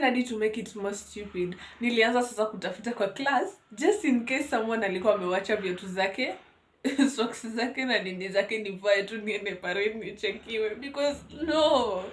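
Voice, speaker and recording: A young woman with a Kenyan accent telling a school story on her vlog in an animated, dramatic way. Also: fairly high pitch, roomy sound. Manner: animated, dramatic, code-switching. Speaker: vlogger.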